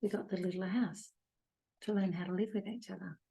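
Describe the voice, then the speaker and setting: A woman's voice: mid-range voice, fairly even intonation, a little fast, gravelly, dark tone, slightly rough. A woman co-hosting a podcast, talking casually and reflectively in earnest, unfolding phrases from personal experience. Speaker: podcast co-host.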